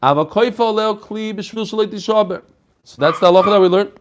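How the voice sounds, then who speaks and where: A man's voice: sits high, brisk. Guy, rabbi explaining a text casually, lots of rhetorical questions. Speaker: rabbi teaching a daily Talmud class. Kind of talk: informal religious lesson, explaining a text aloud.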